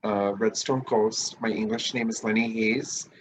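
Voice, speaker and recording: A man from northeast South Dakota speaking as a panelist, earnest and deliberate. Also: lowish voice, fairly even intonation, noisy background. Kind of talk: panel discussion.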